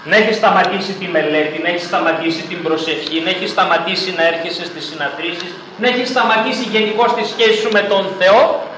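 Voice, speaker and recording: A man's voice: high-pitched, steady tone, reverberant, background noise. A man preaching a sermon, reading scripture aloud and putting rhetorical questions directly to his congregation.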